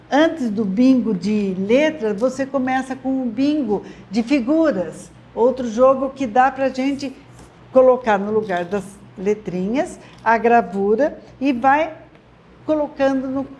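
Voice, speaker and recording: A woman's voice: fairly high pitch, takes it slowly. A woman who teaches literacy, giving parents encouraging step-by-step tips and often checking in with "tá?" and "né?". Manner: warm, encouraging, lots of "tá?" and "né?" check-ins. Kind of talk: friendly instructional talk to camera.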